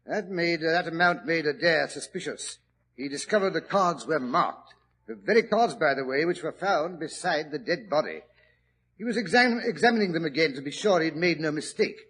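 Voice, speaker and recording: An actor playing Doctor Watson, a genial older companion telling the story afterward in a chatty way, in a 1940s radio drama. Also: male voice, on the high side, expressive, normal speed, fairly bright tone, husky.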